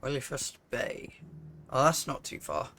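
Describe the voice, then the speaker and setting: A man hosting a gaming channel who gives relaxed, muttered asides while playing a game. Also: medium pitch, a little slow, noisy background. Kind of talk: casual let's-play commentary. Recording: voice over loud game music.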